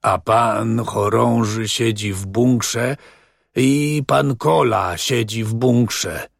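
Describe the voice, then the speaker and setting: A man reading as a tearful, whining man who pleads and laments a robbery in sobbing, monotonous words. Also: medium pitch, takes it slowly, gravelly, no room sound, clean studio sound. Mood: lamenting.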